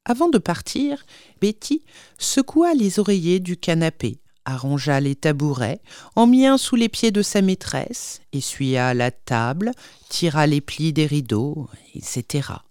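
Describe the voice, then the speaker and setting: A woman narrating a storybook in an expressive reading. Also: deep voice, measured pace, no room sound, studio quality. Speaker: audiobook reader.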